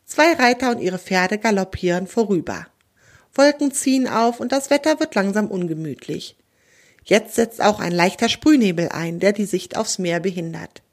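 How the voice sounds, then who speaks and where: A woman narrating a children's storybook in a gentle, clear storytelling manner. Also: mid-range voice, expressive, normal speed.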